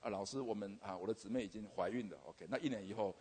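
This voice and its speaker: A man's voice: lowish voice, fast talker, warm tone. An older man, a university teacher, tells a humorous testimony about his students, stammering and repeating himself with frequent "OK" fillers. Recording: long hall reverb.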